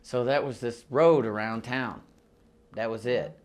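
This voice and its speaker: A mid-range, measured voice belongs to a musician interviewee in his 60s who grew up between Mexico and the US. His storytelling about the past is casual oral history, rambling, with frequent laughter and restarts.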